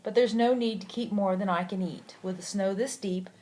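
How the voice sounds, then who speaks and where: An older woman voicing a kind, selfless female deer from a children's storybook, gentle and grateful. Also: medium pitch, normal speed, close to an everyday voice. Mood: grateful, caring. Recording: clearly noisy home recording.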